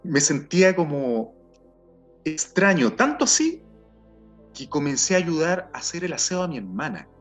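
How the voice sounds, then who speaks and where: A middle-aged Chilean man telling his personal testimony in an earnest, halting way, often repeating words as he searches for them. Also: fairly high pitch, sing-song. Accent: Chilean Spanish. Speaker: testimony speaker. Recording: dull sound with faint music behind.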